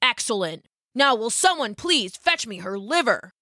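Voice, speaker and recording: A grand, greedy male Dragon King of the sea from a storybook, voiced by a woman. He speaks in a commanding, impatient way, slowly and with a bright edge. The recording is dry and close. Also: a little high, very animated, no echo, exaggerated voice.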